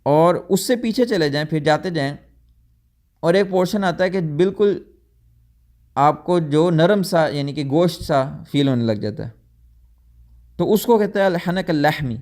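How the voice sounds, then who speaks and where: Man teaching tajweed, slightly high voice. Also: animated, pauses often, a little mellow. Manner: explains step by step, with self-corrections and English loanwords. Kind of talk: recorded lecture.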